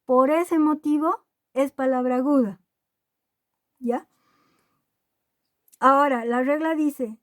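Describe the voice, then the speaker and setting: A woman teacher explaining a grammar rule to children, drawing words out slowly and asking the class checking questions. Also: high-pitched, a little mellow, dry recording. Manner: slow, deliberate, spells words out syllable by syllable. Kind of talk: classroom lesson.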